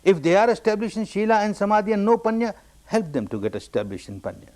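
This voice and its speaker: A man from Burma giving a meditation discourse, telling his own story with repeated, emphatic phrases that jump up high on the key words. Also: expressive, fast talker, darkish tone. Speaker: meditation teacher.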